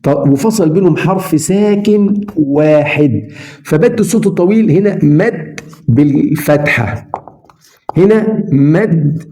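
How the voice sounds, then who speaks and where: A middle-aged man with an Egyptian Arabic accent teaching beginner English phonics, repeating each sound slowly and speaking straight to the viewer. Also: sits high, mellow.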